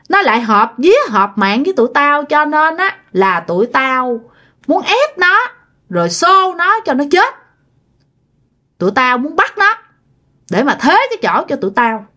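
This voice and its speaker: Brief: cruel drowned male ghost in a spoken ghost story, a woman putting it on, lively swooping pitch. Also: exaggerated voice. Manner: menacing, then pleading.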